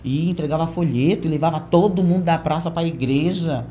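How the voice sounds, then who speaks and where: A woman pastor in her forties, a podcast guest telling a lively testimony and acting out the voices of people in it. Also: low voice, fairly quick, slight background noise. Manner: lively storyteller who acts out quoted voices. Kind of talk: storytelling testimony in a podcast interview.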